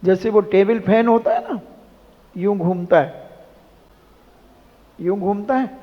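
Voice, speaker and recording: Casting: high-pitched male monk preacher, animated and scolding, in an echoing hall with dull sound. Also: slow pace. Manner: animated, rhetorical scolding with mimicry. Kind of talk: sermon.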